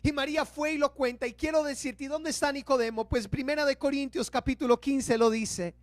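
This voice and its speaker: A male pastor, preaching an Easter sermon and slowing down to stress key words. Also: very high-pitched, fairly even intonation, no echo.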